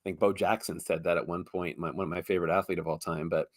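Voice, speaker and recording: A man in his fifties speaks as a podcast guest, his low voice slightly hoarse from illness. The sound is dry and close. He rambles with enthusiasm, often repeating words as he builds up a thought. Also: steady tone, quick pace, no room sound. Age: 50s. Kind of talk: casual interview talk.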